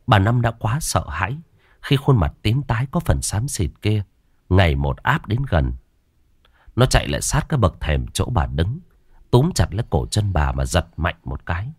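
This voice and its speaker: A man narrating a ghost story in a steady, dramatic way. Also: low voice, normal speed, breathy edge, dry recording, clean studio sound.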